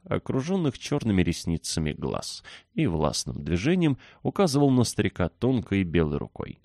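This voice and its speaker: A man narrating a children's novel as an audiobook, reading in a steady, expressive way. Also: low-pitched, gravelly, dry recording, clean studio sound. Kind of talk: scripted narration.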